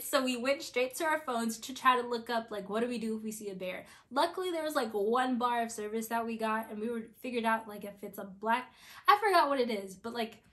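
A young woman in her twenties telling a story in a casual, animated way, acting out her own quotes with lots of filler words. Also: a little high. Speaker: vlogger.

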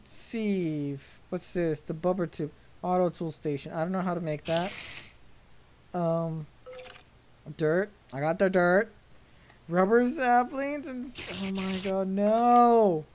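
Young woman, gameplay commentator, lower register, nervous and exclamatory, light noise on the desk mic. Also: a little mellow. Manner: jumpy, frightened and exclaiming.

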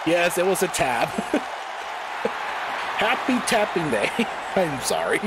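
A man's voice: a little high, sing-song, takes it slowly, a loud crowd, heavy background noise. A man doing casual, rambling commentary on a live stream, giggling often and apologizing with a laugh. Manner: giggly, rambling, self-deprecating. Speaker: wrestling commentator.

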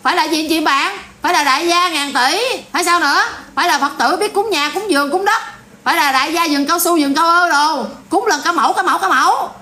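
Extremely high-pitched and fast, a vlogger with a Southern Vietnamese accent rants to her viewers, blunt and casual. She's animated and keeps repeating herself.

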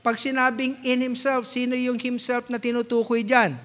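A Filipino pastor preaching a sermon in mixed Tagalog and English, teaching like a lecturer and often checking in with the congregation. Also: male voice, very high voice, flat delivery, fairly bright tone. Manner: teacherly, asks the congregation questions and checks in with "okay?"; slow, deliberate delivery with drawn-out quoted verses. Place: church sanctuary.

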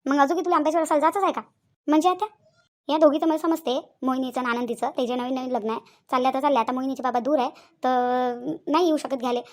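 A woman's voice: high-pitched, fairly even intonation, fast talker, natural voice. A woman voicing a grumbling old mother-in-law. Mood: scolding. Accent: Vidarbha Marathi. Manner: grumbling, self-pitying, scolding. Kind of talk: cartoon voice acting.

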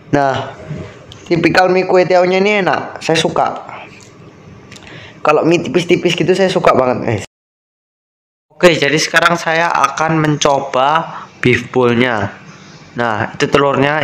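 Casual young male food vlogger, slightly high, says "guys" a lot, table camera at an outdoor cafe with faint street noise. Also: a bit bright, low-quality recording. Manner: chatty, keeps saying "guys". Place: outdoor cafe terrace at night.

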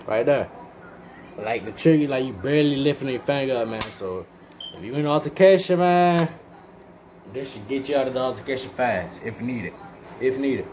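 A man's voice: mid-range voice, animated, moderate pace, a little mellow, slight background noise. A man giving a casual, slangy gun review on his channel, talking straight to viewers with a mouth guard in. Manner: slangy, laid-back, addresses viewers directly.

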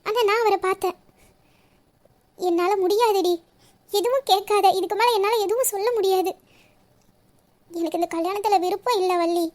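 A woman's voice: very high voice, normal speed, long pauses, a little mellow. A woman voicing a troubled young woman who speaks hesitantly and evasively about her marriage. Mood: confessing. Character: troubled young bride-to-be, secretly in love. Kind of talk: audio story reading.

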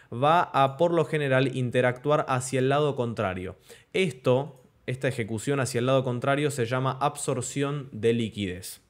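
In this screen-share chart tutorial, a young crypto trading instructor with a mid-range voice explains how to trade, easing his pace to stress key terms. "¿Ok?" and "¿de acuerdo?" punctuate his explanations, and a webcam shows him in the recording's corner.

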